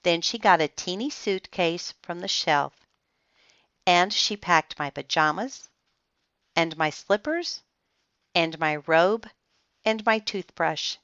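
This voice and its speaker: A woman reading a children's book aloud in an expressive storytelling manner, on a slightly muffled dry recording. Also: lowish voice, slow pace, long pauses, no room sound. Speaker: storybook reader.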